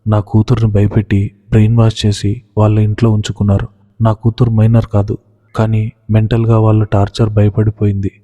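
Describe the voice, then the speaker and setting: A man's voice: lowish voice, completely flat delivery, fairly quick, mellow, highs cut off, close to an everyday voice. A man playing a scheming older father who fakes tears and whines melodramatically. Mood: whining. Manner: whining, melodramatic. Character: scheming older father, fake tearful villain. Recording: long hall reverb.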